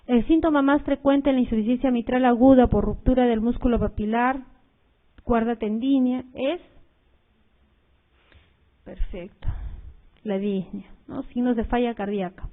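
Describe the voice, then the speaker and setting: Female medical lecturer, fairly high voice, talks through slides with fillers and repetition, phone-quality audio. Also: steady tone, fairly quick. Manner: explanatory, uses fillers like "este" and "eh"; repeats key points, addresses students directly. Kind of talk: recorded cardiology lecture over slides.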